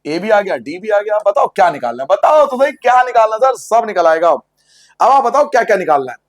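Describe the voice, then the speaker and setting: High-voiced man teaching maths. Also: big pitch swings, fast talker. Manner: asks questions and answers them himself, repeats steps in a sing-song way; playful, jokes with the class. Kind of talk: blackboard maths lesson for school students.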